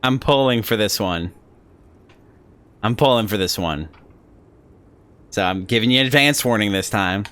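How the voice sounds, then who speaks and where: A man chatting casually with his viewers during a live game stream, halting and talkative. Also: on the low side, fairly bright tone, clean tone.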